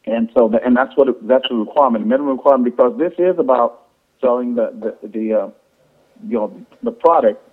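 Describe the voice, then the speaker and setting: A man giving an informal sales presentation to affiliates on a conference call, explaining in a halting, repetitive way with false starts. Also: medium pitch, breathy edge. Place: conference call over the phone. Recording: tinny, band-limited phone conference line.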